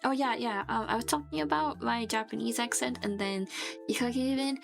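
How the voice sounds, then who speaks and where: Feverish and dry-throated, a female vtuber chats casually on her live stream in a gravelly voice that sits on the high side and moves fairly quickly. Her talk rambles, full of restarts and frequent laughter, over background music.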